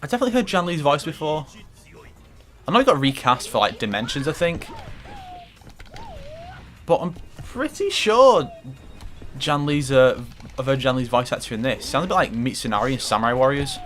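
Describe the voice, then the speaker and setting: Guy rambling and cursing thru a fighting game, mid pitch, faint game music. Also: lively intonation, quick pace, a bit bright. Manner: rambling, swears often. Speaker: gaming commentator. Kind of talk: let's play commentary.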